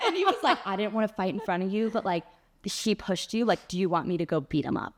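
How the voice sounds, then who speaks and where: A young woman co-hosting a casual chat podcast, telling a story with lively acted-out quotes and frequent laughter. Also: mid-range voice, quick pace. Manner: animated storyteller, acts out quotes, laughs often. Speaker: podcast co-host.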